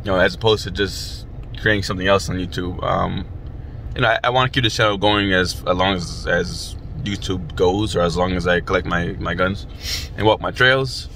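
A young man, chilled by the cold, chatting casually and haltingly to camera inside a car. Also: low voice, creaky, sharp tone, slight background noise. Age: young adult. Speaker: vlogger.

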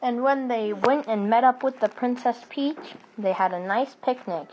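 A woman telling an improvised storybook tale in an animated way, stumbling into restarts and adding sound effects. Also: a little high, normal speed, lo-fi sound, slight background noise.

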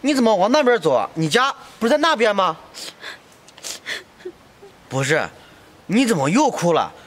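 A man playing a kindly single scrap collector who talks with warm concern. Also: sits high, very animated, normal speed. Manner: warm-hearted, concerned, chatty.

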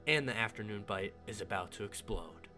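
A man narrates his own fishing video in a relaxed, earnest, conversational voice-over. His voice is slightly low. Music plays clearly beneath the narration. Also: fairly quick.

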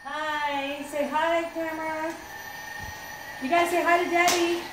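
A woman's voice: high-pitched, fairly even intonation, slow, noisy background. A woman filming her small children at home, coaxing them in a sing-song way, recorded on an old camcorder. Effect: old camcorder audio. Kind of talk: casual home video. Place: home living room indoors. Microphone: handheld camcorder she is filming with.

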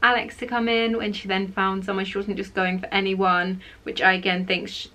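A woman's voice: mid-range voice, level tone, moderate pace, pushed and bright. A young woman chatting casually to her camera, opinionated and full of fillers. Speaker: vlogger. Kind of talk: casual chat. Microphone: camera mic.

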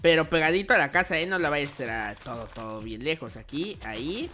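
A young gaming-channel host delivers casual commentary in a bright voice with a lively edge, pitched fairly high and moving fairly quickly. He's chatty and playful, often speaking straight to his viewers, while faint music plays in the background.

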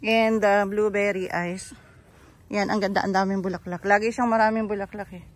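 Touring a garden on video, a chatty seller of bougainvillea points out the plants one after another. The tone stays steady at medium pitch and a moderate pace.

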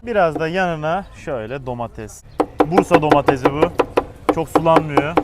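A man's voice: on the high side, normal speed. A man hosting a casual street food vlog, effusive and often echoing back what he is told. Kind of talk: casual on-location food commentary and chat. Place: outdoor street food stalls in a city. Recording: noisy street with passing traffic.

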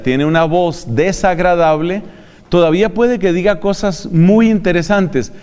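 A man's voice: fairly high pitch, darkish tone, clear, resonant tone. A man, a friar giving an earnest, emphatic lecture on how to preach, speaking straight to his listeners. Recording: long hall reverb.

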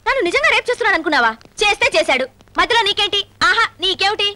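Brief: feisty young heroine, high and bright, rapid scolding lines. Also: female voice, lively intonation, exaggerated voice. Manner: quick, scolding retorts and loud cries for help. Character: sharp-tongued young heroine. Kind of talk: Telugu film comedy acting.

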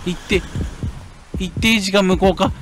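A man giving lively let's-play commentary on a horror game, muttering to himself and then yelling at scares. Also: takes it slowly, very noisy. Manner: animated, jumps from low mutters to yelps and shouts. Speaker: game streamer.

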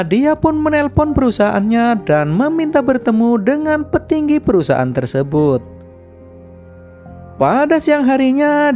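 Woman narrator for a film recap, animated intonation, faint music bed. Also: fairly high pitch. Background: background music.

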